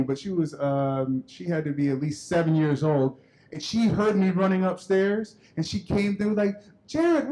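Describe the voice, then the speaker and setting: High-voiced man telling a lively story. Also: low-quality recording. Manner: animated storyteller acting out dialogue. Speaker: keynote speaker. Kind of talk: storytelling keynote speech. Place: conference hall stage.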